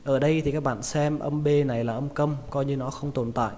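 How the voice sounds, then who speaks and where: A man with a Vietnamese accent teaching English pronunciation, repeating each word slowly and stressing its syllables. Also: mid-range voice, steady tone, darkish tone. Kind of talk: pronunciation lesson. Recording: reverberant room with faint noise.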